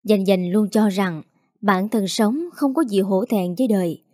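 A woman narrating a story in a steady, measured way. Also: medium pitch, dry recording, studio quality.

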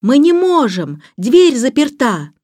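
A woman voicing an excited young boy who calls out loudly and pleads. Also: fairly high pitch, unhurried, dry recording, clean studio sound, pitched above the performer's own voice. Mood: shouting. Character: excited shouting young boy trapped on a roof.

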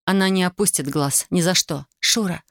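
A woman narrating a novel as an audiobook with even, measured storytelling. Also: on the low side, dry recording, studio quality.

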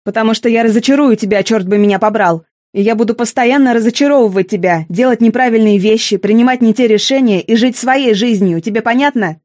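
A woman's voice: a little high, brisk, few pauses, dry recording, clean studio sound, close to an everyday voice. A woman voicing a cold, tired and bitter young man in an audiobook. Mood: bitter outburst. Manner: icy, tired, quietly bitter.

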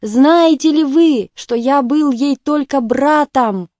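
A theatrical, self-pitying male doctor who groans over his humiliations and keeps flaring into agitated complaint, as a woman reads him aloud for an audiobook. The voice sits fairly high yet mellow, recorded dry and close. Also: unhurried, no room sound. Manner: plaintive, groaning, rising to agitated outbursts. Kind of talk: audiobook character reading.

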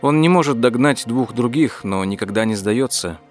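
A man voicing an adult woman, a calm and firm mother, speaking quietly and evenly in an audiobook. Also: mid-range voice, moderate pace, faint music behind, close to an everyday voice.

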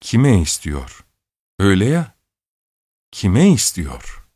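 A man voicing a cautious, dutiful noble father who speaks in a measured, hesitant way in an audiobook. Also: mid-range voice, no echo, clean studio sound, voice pushed up, natural voice.

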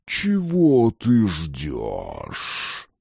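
A man voicing a mocking demon that has taken hold of a girl, in a guttural, slow, taunting voice. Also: low-pitched, huge pitch swings, darkish tone, dry recording, studio quality, voice pushed down, exaggerated voice. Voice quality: guttural, gravelly. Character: mocking demon in a girl's body.

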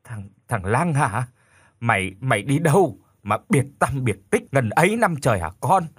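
A man's voice: mid-range voice, expressive, fast talker, breathy edge, no echo, studio quality. A man voicing an emotional old master who scolds a returning pupil fondly, his voice choked. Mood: choked, scolding.

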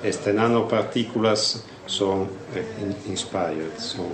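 A man with an Italian accent, whose first language is Italian, talks slowly and haltingly at a conference, searching for each word. His voice sits a little low. The recording is roomy and echoey, with a crowd murmuring behind. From Italy. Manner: halting, searching for words, slipping into English. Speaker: conference speaker.

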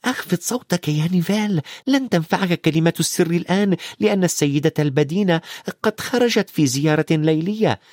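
A man's voice: a little high, lively intonation, fairly quick, a little mellow, no echo, studio quality, pitched above the performer's own voice. A man voicing a bossy know-it-all schoolgirl who scolds in urgent hisses, for an audiobook. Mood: insistent. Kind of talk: audiobook character voice.

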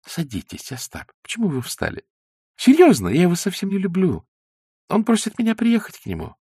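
Man putting on a young woman's voice, raised high, coy, teasing, lively lilt, storybook reading. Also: fairly quick, slightly rough, dry recording, clean studio sound, exaggerated voice.

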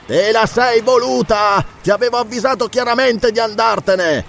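A man voicing a fierce, ruthless buccaneer captain in an audiobook, snarling and shouting threats. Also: extremely high pitch, moderate pace, creaky, a little hiss or hum, pitched above the performer's own voice, full character voice. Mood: angry. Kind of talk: audiobook character reading.

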